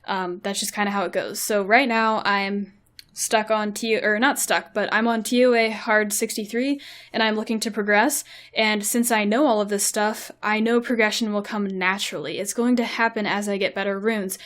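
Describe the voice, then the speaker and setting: A woman's voice: mid-range voice, fairly even intonation, normal speed, a bit bright. Chatty young woman giving game tips. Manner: chatty, advice-giving, frequent fillers. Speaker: mobile game video creator. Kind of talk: casual gameplay commentary.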